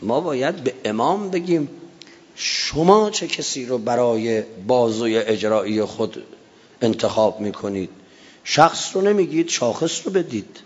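A man preaching a religious sermon with impassioned emphasis, swelling to drawn-out chanted phrases. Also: medium pitch, husky. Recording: dull lo-fi recording in a reverberant hall.

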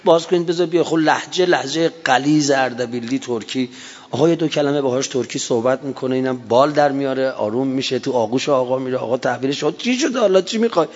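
A man's voice: mid-range voice, steady tone, a little mellow. A man in his fifties giving a religious lecture, telling stories with emphatic rises. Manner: storytelling with acted-out quotes and rising emphasis. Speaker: speaker. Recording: dull sound in a long-reverb hall.

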